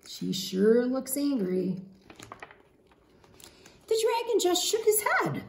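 Reading a picture book to children, a teacher in her fifties uses a high, gravelly voice with huge pitch swings and a slow pace. She emphasizes moments dramatically and poses questions, her voice echoing through a large open living room indoors.

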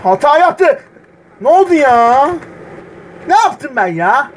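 A man streaming a football video game, groaning at misses and shouting players' names when they near the goal. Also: very high voice, very animated, slow, slight background noise. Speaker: gaming channel host. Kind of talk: excited gameplay commentary. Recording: game music loud behind voice. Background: game music.

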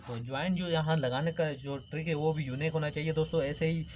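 A man hosts an informal hands-on electrical repair tutorial, explaining each step and talking to viewers like friends. His voice is a little high with fairly even intonation and a brisk pace, over a clearly noisy background with clicks.

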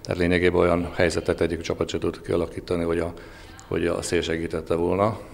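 A man in his sixties, a coach answering haltingly in a post-match interview. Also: low voice, monotone, vocal fry. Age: 60s. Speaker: football coach being interviewed. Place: indoors, in front of sponsor backdrop. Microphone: handheld interview microphone.

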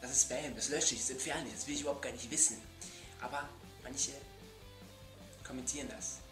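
The bedroom is echoey and music plays behind this young man, a video blogger whose comedic rant is emphatic, exasperated, and repetitive on purpose. He talks briskly at a medium pitch.

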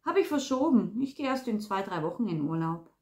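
A woman's voice: medium pitch, big pitch swings, brisk, a little mellow, close to an everyday voice. A woman doing a cocky, teasing male detective. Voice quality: teasing, mock-Swabian.

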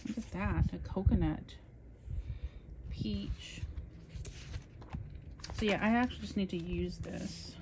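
A woman's voice: medium pitch, slow pace, pauses often, background noise. A woman hosting a casual coloring book haul, talking chattily and with enthusiasm as she flips through her purchases. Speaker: coloring channel host. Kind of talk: casual haul show-and-tell.

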